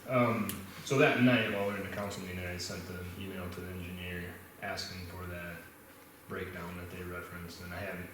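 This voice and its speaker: A low-voiced man reporting on engineering work to a council, speaking flatly and hesitating with ums. His voice is picked up from across a room with a heavy echo. A layer of noise runs beneath. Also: a little fast. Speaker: city engineer. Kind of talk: spoken report at a council meeting. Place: council chamber. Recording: echoey hall recorded from far off, noisy.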